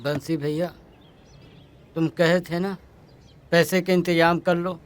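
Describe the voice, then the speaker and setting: An actor playing an anxious, indebted village farmer who grumbles and scolds. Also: male voice, fairly high pitch, little pitch movement, takes it slowly, a little hiss or hum. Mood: worried. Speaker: villager in debt. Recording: film soundtrack with background music.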